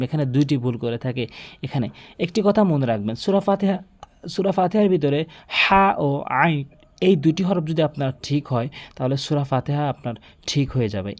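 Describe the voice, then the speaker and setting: A man giving a recitation lesson, explaining common pronunciation mistakes and then drawing out each word slowly and with stress. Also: medium pitch, a little mellow. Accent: Bangladeshi Bengali. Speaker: Quran teacher.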